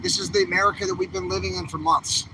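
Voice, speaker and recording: A man's voice: high-pitched, fairly even intonation, quick pace, background noise. A man filming on a phone outdoors on a city street, delivering an impassioned, angry livestream rant full of repeated calls to action. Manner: fiery, repetitive, angry exhortation. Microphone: handheld phone camera.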